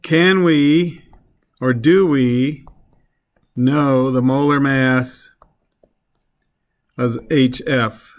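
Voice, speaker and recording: A man's voice: medium pitch, steady tone, drawn-out words, long pauses. A man teaching a chemistry class, working through a problem step by step and asking the students questions as he goes. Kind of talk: classroom lecture.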